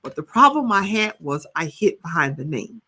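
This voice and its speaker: A woman's voice: on the low side, normal speed, husky. A woman in her fifties, a counselor and coach, talking animatedly in a podcast interview and often checking in with "right?". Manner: animated storytelling, rhetorical "right?".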